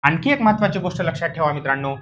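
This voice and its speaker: A man with a slightly high, fairly bright voice races through an exam coaching lesson, speaking expressively. He explains things emphatically, repeats key points, and keeps checking understanding with rhetorical questions.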